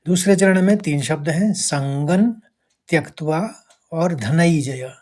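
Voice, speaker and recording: A man teaching a scripture verse, explaining each word slowly and chanting the Sanskrit lines. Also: a little high, a little mellow. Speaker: Gita teacher. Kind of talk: slow Sanskrit recitation lesson.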